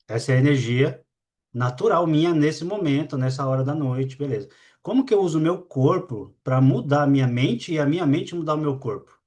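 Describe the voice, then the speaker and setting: A man with a Brazilian accent leading a live online class, talking to his audience in a lively, demonstrative way and shifting his energy on purpose. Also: a little high, fairly quick. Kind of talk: live webinar talk to an audience.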